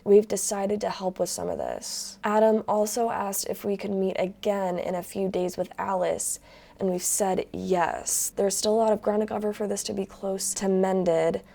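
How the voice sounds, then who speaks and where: A woman hosts her own channel, reading online posts aloud and chiming in with blunt, casual reactions. Her voice has a gravelly fry to it and a mellow, darker tone, and she swears freely as she comments. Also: medium pitch, fairly even intonation, moderate pace.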